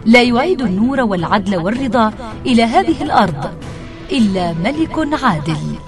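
A woman's voice: fairly high pitch, animated, fairly quick. A woman radio announcer formally presenting a drama and its credits. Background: prominent music.

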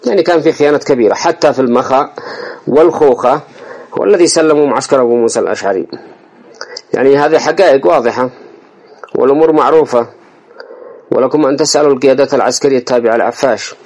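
A man with a Yemeni accent reads out an interview and breaks in with his own commentary, insistent and emphatic. He speaks quickly at a medium pitch and addresses his listeners directly as he makes his points. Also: darkish tone. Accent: Yemeni Arabic. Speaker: political commentator. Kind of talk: reading an interview aloud with commentary.

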